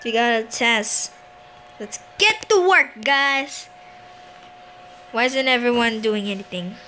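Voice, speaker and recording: A young woman with a high, bright voice talks her way through a video game. She is playful and giggly, and she chats to the characters on screen in an easy, unhurried way. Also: lively intonation, slight background noise. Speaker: gameplay commentator. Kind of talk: casual gameplay commentary.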